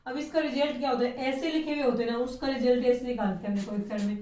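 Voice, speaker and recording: A woman's voice: a little high, fairly even intonation, very fast, a little mellow. A woman chemistry teacher giving a classroom lecture, explaining step by step and asking rhetorical questions. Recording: echoey room, voice from a distance.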